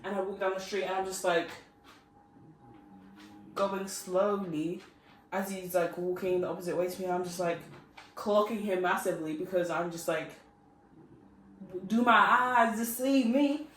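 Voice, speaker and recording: A woman's voice: lowish voice, fairly even intonation, moderate pace, pauses often, slight background noise. A young woman casually telling a story, giggly and rambling with lots of fillers. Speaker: vlogger. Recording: echoey room, distant mic.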